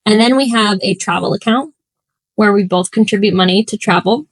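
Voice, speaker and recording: A young woman co-hosting a podcast, chatting casually in an animated, teasing way and laughing often. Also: mid-range voice, brisk, dry recording, rough recording. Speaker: podcast co-host. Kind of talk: casual chat.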